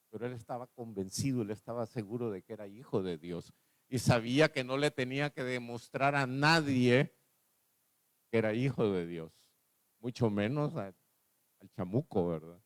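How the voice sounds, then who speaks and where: Male pastor, sermon delivery, steady mid voice, repeats and questions the congregation, dry sound. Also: medium pitch, no echo. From El Salvador. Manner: asks the congregation questions, repeats key phrases; slows down and drops his voice on key words.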